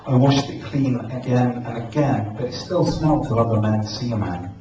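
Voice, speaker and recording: A man doing a stand-up set with deadpan one-liners and pauses before punchlines, recorded from the back of a small comedy club. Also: medium pitch. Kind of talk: stand-up at an open mic. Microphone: camcorder at the back of the room. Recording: echoey, dull, noisy camcorder recording from far off.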